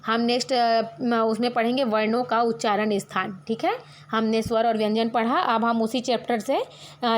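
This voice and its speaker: A woman teacher with a fairly high voice talks through a grammar lesson for her students online. She explains things step by step and asks questions that she then answers herself. When she comes to the letters, she sounds them out slowly, one at a time.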